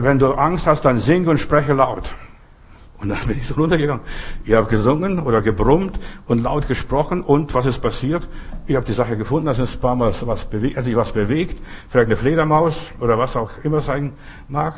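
A man preaches a freely spoken sermon in a folksy, exhorting style, full of short imperatives, anecdotes, and repeated appeals aimed directly at the listener. His voice is mid-range and fairly quick, with slight background noise.

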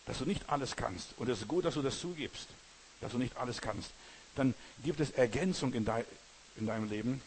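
A man's voice: mid-range voice, brisk, slight background noise, rough recording. A man preaching a sermon in an earnest way, speaking straight to the listener and checking again and again that they follow. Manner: earnest, addresses listener directly with repeated "verstehst du".

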